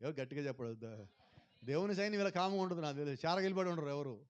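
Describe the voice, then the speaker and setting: A male pastor preaching a sermon, mixing in English phrases and urging the congregation to respond louder. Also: on the high side, expressive, quick pace, lo-fi sound.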